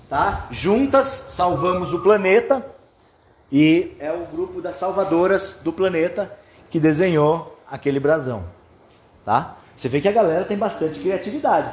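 A man's voice: fairly high pitch, a little mellow. A man with a Brazilian accent addresses a class of children like a kindergarten teacher, encouraging them with simple instructions and checking questions. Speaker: workshop leader for schoolchildren. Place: roomy classroom indoors. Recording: echoey classroom with faint background noise.

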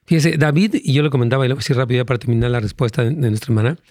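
A man's voice: mid-range voice, racing, darkish tone, no echo, clean studio sound. A man, a pastor, earnestly answering callers' Bible questions, rambling with many fillers.

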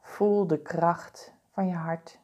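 Speaking at a very slow, calm pace, a woman guides someone through a body-scan meditation. Her low, mellow voice stays soothing and steady with each instruction.

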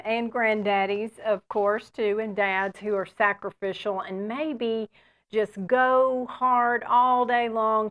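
A woman in her sixties teaching the Bible on a program, earnest and conversational, often pausing for an amen. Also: medium pitch, muffled recording.

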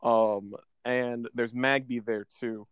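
A man's voice: mid-range voice, fairly even intonation, takes it slowly, smooth, highs cut off. A man co-hosting a casual gaming podcast, rambling along and often tripping over his words. His voice sits in a middle register. The sound is dry and close, with no room echo. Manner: rambling, stumbles and restarts often. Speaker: podcast co-host. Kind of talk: casual chat about a video game.

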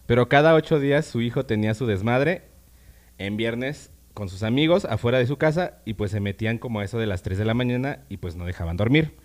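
A young man with a Mexican accent co-hosting a casual live-stream chat, joking, swearing freely and tossing in quick interjections. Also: mid-range voice, lively intonation. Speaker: podcast co-host.

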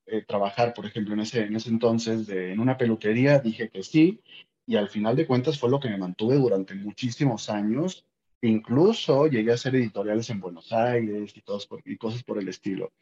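This interview guest, a late-thirties yoga teacher from Sonora with a northern Mexican accent, tells stories casually and with energy. The sound is lo-fi, and his mid-range voice has a dark tone.

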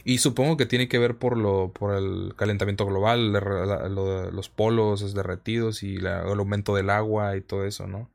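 A man's voice: fairly low pitch, steady tone, moderate pace, vocal fry, hardly any pauses. A man with a Mexican accent hosting a podcast in a casual, conversational way. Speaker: podcast host.

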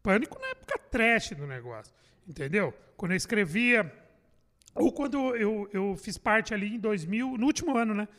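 A middle-aged man chatting on a podcast, his pitch leaping up and down as he acts out quoted reactions. He swears freely and talks in loose, restarting sentences. The voice carries a long, reverberant tail. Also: expressive, normal speed, a bit bright. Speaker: comedy writer and guest. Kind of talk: casual podcast chat.

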